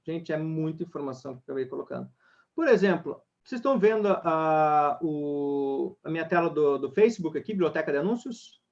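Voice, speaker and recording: High-voiced energetic man teaching sales. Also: brisk, vocal fry. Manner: energetic, talks straight to the audience. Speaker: sales trainer. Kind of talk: online webinar talk. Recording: dull lo-fi webinar audio.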